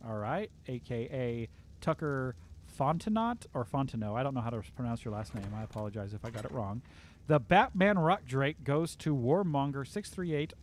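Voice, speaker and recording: A man hosts a casual game livestream from his home, talking in an easygoing, upbeat way. His voice sits at an ordinary middle pitch as he reads viewer comments aloud. A faint hiss of noise sits under the recording. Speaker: livestream host. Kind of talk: casual live-stream chat.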